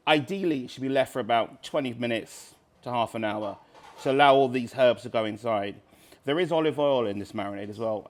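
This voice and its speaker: A man from Barbados, casually explaining dishes as a street-food cook in a cooking demonstration. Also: mid-range voice. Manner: informal, explanatory.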